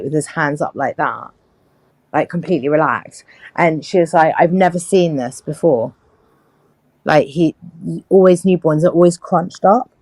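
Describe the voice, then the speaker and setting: A woman in her fifties hosting a casual talk show, a lively storyteller. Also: low-pitched, dry recording. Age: 50s. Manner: lively storyteller who acts out other people's voices. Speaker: host. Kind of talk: casual chat.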